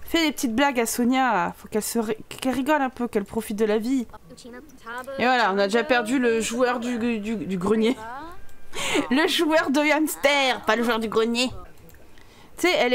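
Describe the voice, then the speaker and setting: A French-accented woman commentating a life simulation game in casual chat, teasing her characters and often dropping to a whisper. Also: a little high.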